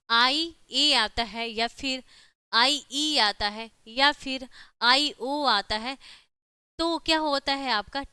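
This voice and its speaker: A woman gives an online exam-prep lesson, walking through each rule step by step and checking in with her students again and again. Her voice is very clear and bright, slightly higher than usual. The sound is close and dry. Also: no room sound. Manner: repeats "ठीक है" and rhetorical questions, explaining step by step. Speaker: teacher.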